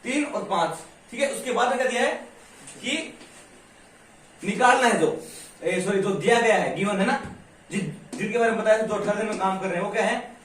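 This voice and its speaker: Patient high-voiced maths teacher in an echoey classroom. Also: male voice, fairly quick, pauses often, fairly bright tone. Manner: patient, checks understanding constantly with "ठीक है?"; slips into rural dialect endings. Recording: echoey room, mic far off, faint hiss.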